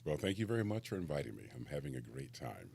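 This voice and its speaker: A man with an extremely low, husky voice chats easily as a guest on a podcast. He talks at a brisk clip, telling stories about his career in a relaxed way. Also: no room sound. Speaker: guest actor. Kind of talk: casual interview chat. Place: podcast studio.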